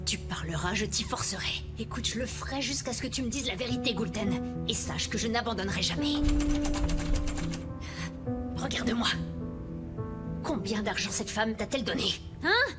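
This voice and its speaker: Middle-aged mother, female actor, high voice, fierce and insistent soap dubbing over strong dramatic music. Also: expressive, normal speed, pauses often, close to an everyday voice. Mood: threatening. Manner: intense, insistent, theatrical. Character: fierce, defiant mother confronting her enemies. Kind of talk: dubbed TV soap drama acting. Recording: dramatic music under studio dub.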